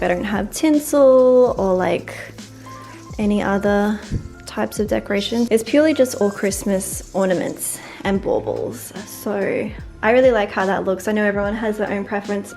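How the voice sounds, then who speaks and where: A woman talks casually to her viewers as she decorates her living room, chatty and upbeat, with "like" filling her sentences. Her pitch sits in an ordinary middle range. Soft background music plays faintly under her voice. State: briefly out of breath. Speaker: lifestyle vlogger. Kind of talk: casual chat to camera.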